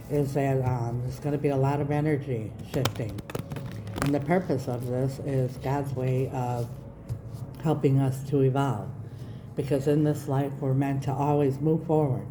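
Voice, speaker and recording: A woman with a low-pitched voice reads cards for her online viewers in an earnest, reassuring way. Her consonants are a little slushy and slurred. The room echoes around her, and there is clear noise behind the voice. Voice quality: slightly slurred, slushy speech after mouth surgery. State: recovering from mouth surgery, speech slightly off. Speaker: tarot reader, channel host. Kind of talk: spiritual card reading to online viewers. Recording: roomy echo, background noise.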